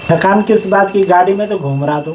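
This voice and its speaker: A man's voice: high voice, fairly quick, a little mellow, a little hiss or hum. A middle-aged Pahadi man with an Uttarakhand accent, teasing and arguing as the father in a family chat. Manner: teasing, argumentative. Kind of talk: casual family banter.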